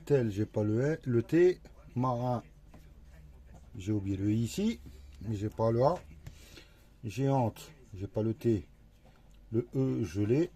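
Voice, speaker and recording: A man's voice: mid-range voice, expressive, warm tone, husky. A man commenting casually to himself as he scratches a lottery ticket, going through it letter by letter. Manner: slow, talking to himself, letter by letter. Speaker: scratch-card vlogger.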